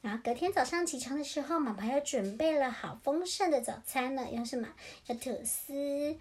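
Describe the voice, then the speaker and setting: Woman, high voice, gentle bedtime storyteller. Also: lively intonation, normal speed. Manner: gentle, singsong, addressing children. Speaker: parent storyteller.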